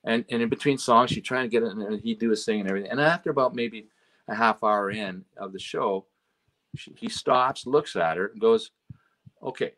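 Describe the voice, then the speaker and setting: Guest storyteller: man from Canada, lowish voice, animated, slips into characters' voices when quoting, tag questions. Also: brisk. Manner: animated anecdotes, acting out quotes, frequent "right?". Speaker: guest, road manager. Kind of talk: casual storytelling chat.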